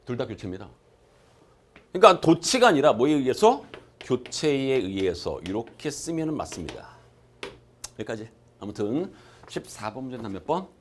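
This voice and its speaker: There's a little hiss or hum as a very animated man of medium pitch, speaking at normal speed, leads a recorded exam-prep class in a lecture room. His delivery is emphatic; he quizzes students, supplies the answers himself, and repeats key terms to drive them home.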